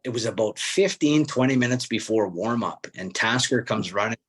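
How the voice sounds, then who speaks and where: Male podcast guest, low voice, relaxed storyteller. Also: moderate pace, husky. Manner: relaxed storytelling with frequent restarts. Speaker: guest, former hockey player and coach. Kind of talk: casual podcast chat.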